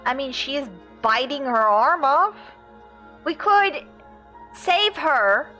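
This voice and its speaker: Female game streamer: high, bright, slow-paced, expressive and sweary casual commentary. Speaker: livestreamer. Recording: game music behind the voice.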